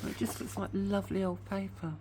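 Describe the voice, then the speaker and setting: A woman with a mid-range voice delivers things flatly and fairly quickly, with noise in the background. As a craft vlogger doing casual show-and-tell, she chats and rambles, slightly whiny from a sore tooth, and admits to waffling.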